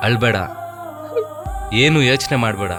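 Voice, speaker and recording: A man dubbing a calm, skeptical young man who reassures his girlfriend in a film. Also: medium pitch, moderate pace, over loud music, lightly acted. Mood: soothing. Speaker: dubbing actor. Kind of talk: dubbed film dialogue.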